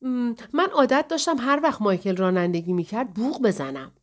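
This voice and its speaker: Woman reading as a shaky young woman who lost her memory, voice pitched up a bit, audiobook dialogue. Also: lively intonation, close to an everyday voice. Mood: uneasy. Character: young woman with amnesia, uneasy, quick-tempered.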